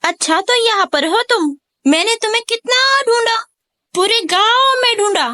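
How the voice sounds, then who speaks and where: A woman voicing a sharp-tongued, bossy young village woman with a scolding manner in an amateur animated comedy. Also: very high-pitched, moderate pace. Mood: annoyed. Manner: scolding, sassy.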